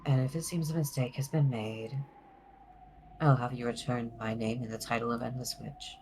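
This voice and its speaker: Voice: mid-range voice, steady tone, normal speed, a little mellow, a little hiss or hum, close to an everyday voice. A performer voicing a composed elder witch teacher, formal and commanding, in an amateur visual novel dub. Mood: composed, severe.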